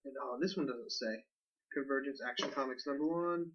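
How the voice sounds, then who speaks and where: A man's voice: mid-range voice, brisk, recorded from a distance, muffled recording. A man co-hosting a casual podcast, rambling and laughing as he unboxes comics. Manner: chatty, laughs often, rambling. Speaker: podcast co-host.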